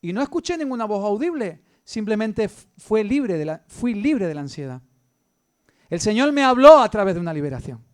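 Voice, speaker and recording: A man with an Andalusian Spanish accent preaching a sermon as pastor, moving between loud emphasis and hushed storytelling. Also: sits high, big pitch swings, moderate pace, smooth.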